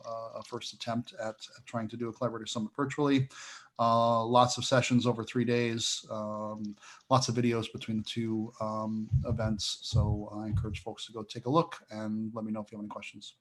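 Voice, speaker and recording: Halting man with a flat voice. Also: mid-range voice. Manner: hesitant, many fillers and restarts. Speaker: committee member. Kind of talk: online meeting update.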